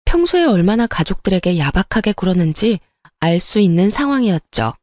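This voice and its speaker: A woman telling a true family story in the first person, in a calm, confiding way. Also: mid-range voice, brisk, dry recording, studio quality. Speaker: narrator. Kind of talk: scripted narration of a true story.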